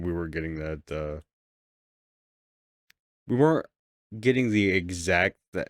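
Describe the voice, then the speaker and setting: A man's voice: sits low, no echo, studio quality. A man co-hosting a podcast in loose, casual chat, swearing freely and rambling. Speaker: podcast co-host.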